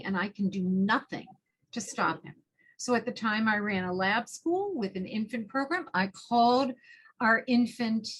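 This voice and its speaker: A woman's voice: medium pitch, poor audio. A woman speaking as a panelist on a webinar, earnest and conversational, telling anecdotes over a video call. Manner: earnest, tells anecdotes with lively quoted dialogue. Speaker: panelist, early childhood educator.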